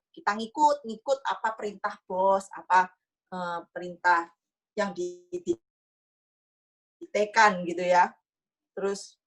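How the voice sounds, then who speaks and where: A woman's voice: mid-range voice, a bit bright. A young woman, an insurance agent, chatting casually and motivationally to colleagues, mixing in English words and laughing often. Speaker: insurance agent sharing her experience.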